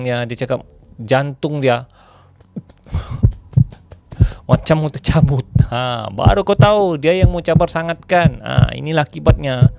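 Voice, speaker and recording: A man telling a ghost story in a chatty way, pausing to explain local slang to his viewers. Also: mid-range voice, vocal fry, darkish tone.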